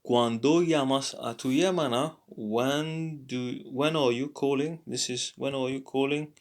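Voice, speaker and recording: A tired man teaching a casual language lesson, halting with many fillers and repeats. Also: medium pitch, fairly even intonation. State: tired, yawning.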